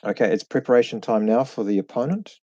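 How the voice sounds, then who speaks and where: A man chairing the session, making slow, deliberate procedural announcements over a video call. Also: mid-range voice, dark tone, no room sound. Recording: dull lo-fi call audio.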